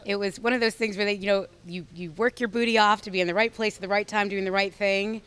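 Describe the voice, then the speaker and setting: A woman being interviewed as an actress, her voice smooth and resonant at an ordinary pitch. She talks in a bubbly, effusive rush, circling back and correcting herself as she goes. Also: fairly even intonation, quick pace, a bit bright. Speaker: actress guest. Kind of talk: casual interview chat.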